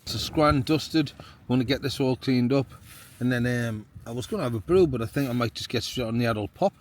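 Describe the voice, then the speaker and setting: A man's voice: medium pitch, fairly quick. A man chatting casually to viewers as an outdoor camping vlogger, in blokey slang, talking with the wind in his face. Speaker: wild camping vlogger and host. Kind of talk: casual outdoor vlog chat. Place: outdoors at an exposed wild campsite in high wind. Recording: loud wind noise buffeting the microphone.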